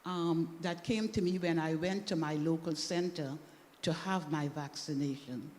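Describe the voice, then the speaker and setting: A woman's voice: low voice, a little slow, darkish tone. A woman speaking as a panelist in a church discussion, earnest and emphatic. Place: church hall. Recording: echoey hall, faint background noise.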